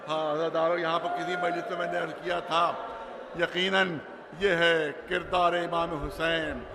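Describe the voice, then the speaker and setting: Brief: male cleric with a Lucknow Urdu accent, declaiming a mourning sermon, high and sharp, long hall echo. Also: flat delivery. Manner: declamatory, rising into lamenting cries. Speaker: cleric giving a majlis sermon. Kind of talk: emotional sermon recitation. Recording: long reverb of a large hall.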